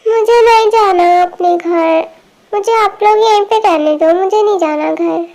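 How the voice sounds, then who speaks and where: A woman voicing a stubborn, sulky little girl in an amateur fan dub, with a slow, pouty, childish way of talking. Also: very high voice, darkish tone.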